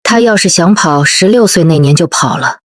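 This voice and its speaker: An outspoken middle-aged aunt, voiced by a woman, challenges the family with open skepticism. The husky, low voice is recorded dry and close for an audio story. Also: animated, moderate pace, no echo. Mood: skeptical.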